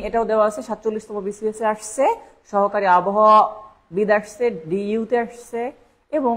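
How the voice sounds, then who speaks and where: A woman with a mid-range voice hosts a live online lesson on English spelling aimed at exam preparation. She repeats words several times each and breaks them down letter by letter.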